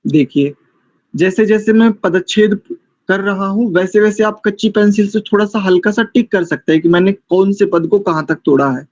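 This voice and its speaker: A man teaching a mantra recitation class, chanting and breaking words down syllable by syllable with deliberate care. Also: sits high, a little mellow, lo-fi sound. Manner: slow, deliberate, syllable-by-syllable drilling.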